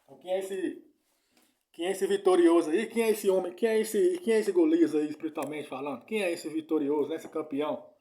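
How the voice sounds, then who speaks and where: A man giving an informal Bible lesson. His voice is mellow and sits a little high. He circles back over each point and keeps checking that his listeners follow. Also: brisk. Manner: repetitive, keeps asking "né?" and "entendeu?". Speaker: preacher.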